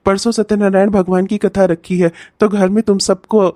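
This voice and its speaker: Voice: mid-range voice, level tone, normal speed, dry recording, studio quality, close to an everyday voice. कलाकार द्वारा हँसमुख बूढ़ा गाँव का काका. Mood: cheerful. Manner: warm, chuckling, repeats praise. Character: chatty elderly village uncle, proud father. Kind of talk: cartoon voice acting.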